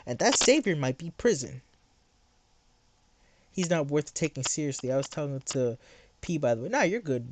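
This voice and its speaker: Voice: medium pitch, a little hiss or hum. A livestreamer ranting late at night in a heated, sarcastic way, mocking someone in chat.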